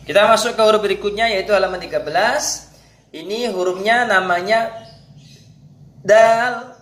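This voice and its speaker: A man teaching Quran letter pronunciation, drilling each sound slowly and deliberately. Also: high-pitched, fairly bright tone. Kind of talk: slow instructional Quran reading lesson. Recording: echoey room.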